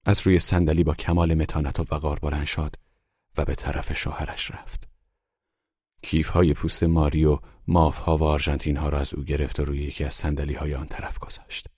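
Low, husky male audiobook narrator; measured, dry close mic. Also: level tone, a little mellow, no echo.

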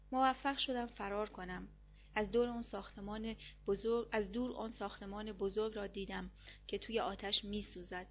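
Woman, narrating a novel, measured, mid pitch, dull lo-fi recording. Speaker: audiobook narrator. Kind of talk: reading a war novel aloud.

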